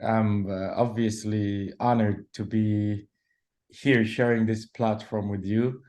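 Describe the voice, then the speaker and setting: A man from Sudan, a journalist answering interview questions in a measured way, often pausing and restarting. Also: fairly low pitch, flat delivery, a little mellow. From South Sudan / Sudan. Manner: measured, with frequent hesitations and restarts. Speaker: journalist guest.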